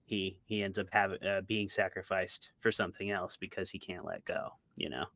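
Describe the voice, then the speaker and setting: An author and podcast co-host talks casually as an interview guest, sharing his opinions and backing them up with examples. His deep voice is level and a bit bright, moving at a moderate pace in a dry recording.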